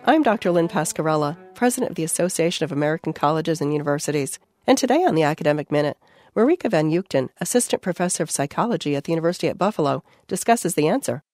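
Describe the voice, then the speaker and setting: Brisk woman introducing a radio segment. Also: sits low, animated, darkish tone, no room sound, faint music behind. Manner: brisk, formal. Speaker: segment host, college association president.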